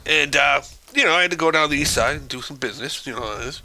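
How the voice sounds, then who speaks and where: An older man co-hosting a casual podcast chat, telling rambling stories with halting restarts. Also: a little high, a crowd in the background. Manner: halting, many restarts, shouts out acted chants in stories. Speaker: podcast co-host.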